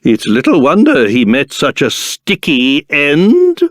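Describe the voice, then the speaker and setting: A fussy, fatherly old British king from a video game, with a high voice that swoops dramatically. He speaks in pompous, formal phrases at an unhurried pace, full of self-importance. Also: huge pitch swings, no room sound, studio quality, exaggerated voice. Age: older. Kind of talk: video game character voice acting.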